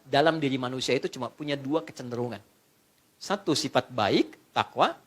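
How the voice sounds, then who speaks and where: A middle-aged man preaching a lively sermon to a live audience, asking them questions and joking along the way. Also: mid-range voice, moderate pace. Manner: animated, asks the audience questions and jokes.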